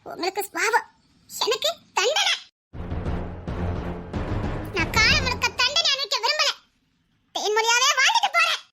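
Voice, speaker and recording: A woman voicing a young bride who defies her quick-tempered husband in a dubbed serial drama, with nervous laughter. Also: very high voice, animated, over music. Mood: fearful.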